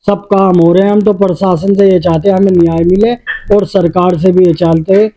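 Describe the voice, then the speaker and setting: A man's voice: sits high, flat delivery, a little fast, warm tone, low-quality recording. A man in a field news interview, speaking firmly as he demands justice and arrests.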